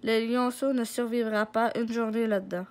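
A woman's voice: fairly high pitch, fairly even intonation, normal speed, darkish tone, lightly acted. A woman voicing a hungry, whining hyena. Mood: whiny. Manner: whiny.

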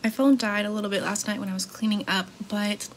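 This is a casual vlog chat by a young woman in her early 20s, filmed on a phone camera at arm's length in her bedroom, apartment and parked car. Upbeat and full of fillers, she talks fairly quickly in a mid-range voice with fairly even intonation, and background noise is audible.

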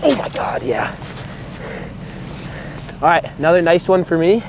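A young man chatting excitedly while ice fishing outdoors on a frozen lake, picked up by a camera mic on the ice. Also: on the high side, unhurried, vocal fry, background noise. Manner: excited, chatty, explains his tackle. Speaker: fishing vlogger. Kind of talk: casual outdoor commentary.

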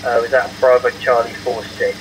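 A man working a drive-thru, heard through the drive-thru speaker from inside a car, with brisk, friendly service talk. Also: mid-range voice, steady tone, background noise.

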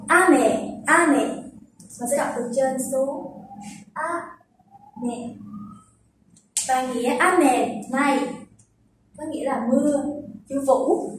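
A young woman teaching Japanese vocabulary, patiently explaining and slowly repeating words to show their pitch accent. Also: a little mellow, a little hiss or hum. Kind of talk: vocabulary lesson. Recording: very echoey room, distant from the mic.

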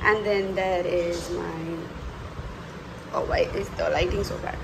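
A woman's voice: lowish voice, steady tone, measured pace. A young woman chatting casually to the camera in a vlog, rambling a little and correcting herself as she goes. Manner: chatty and meandering, self-correcting. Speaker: vlogger. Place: room at home, indoors. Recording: noisy home recording. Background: clear background noise.

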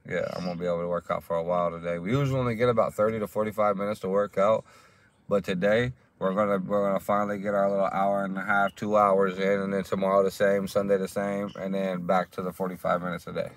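A man chatting casually in a parked car, relaxed and rambling with lots of fillers. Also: sits low, fast talker. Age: 30s. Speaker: vlogger. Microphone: phone camera on the dashboard.

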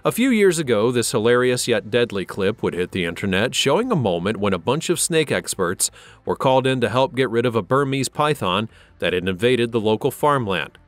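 A man narrating a scripted wildlife countdown, steady with dramatic emphasis, over faint music. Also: medium pitch, brisk, no room sound. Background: faint background music.

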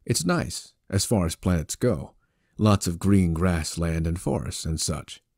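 A male narrator tells a story with a wry, conversational delivery. His voice is deep and mellow, and it is recorded close and dry. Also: lively intonation, a little slow, vocal fry, no room sound. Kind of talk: scripted audiobook narration.

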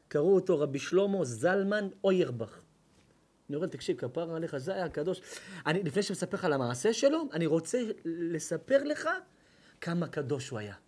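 Husky rabbi telling a story. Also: male voice, on the high side. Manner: animated storyteller acting out dialogue, swinging from hushed to loud. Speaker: rabbi giving a Torah lesson. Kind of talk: storytelling sermon. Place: hall at an evening lecture.

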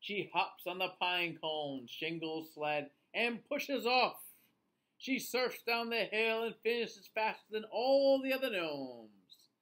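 A man's voice: sits high, animated, slow, fairly bright tone, low-quality recording. A man in his thirties talking like a kids show host, reading a picture book aloud in an exaggerated sing-song way for young children. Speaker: children's storytime reader. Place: small indoor room, seated facing the camera.

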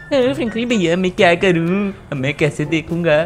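Man putting on a high, whiny cartoon kid voice, mischievous and naive little boy, plaintive, game music behind. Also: lively intonation, normal speed. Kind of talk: comic gameplay voice acting.

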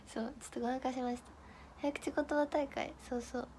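A woman's voice: high voice, flat delivery, moderate pace, a little hiss or hum. A young woman from northeastern Japan chatting casually on a livestream, reading viewer comments, giggling and fumbling through tongue twisters. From Miyagi, Japan. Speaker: idol livestream host.

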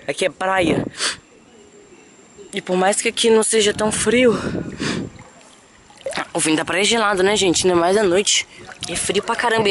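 A young man with a Brazilian Portuguese accent chatting dramatically in a casual vlog, sniffling from allergies as he films outdoors by a pool at night on a handheld camera. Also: sits high. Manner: chatty and dramatic, exclaiming often. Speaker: vlogger. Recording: noisy outdoor camera audio.

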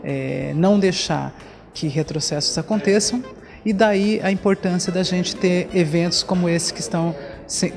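A woman's voice: lowish voice, normal speed, vocal fry, darkish tone, soft background music. A woman in her forties, a lawyer on a diversity commission, giving an earnest, fluent on-camera interview in an indoor room into a handheld mic.

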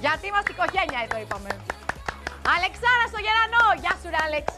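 A woman's voice: extremely high pitch, big pitch swings, over music. A young woman hosting a daytime TV show, chatting playfully to camera and teasing her crew in a studio. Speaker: TV show host. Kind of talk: lively studio chat to camera.

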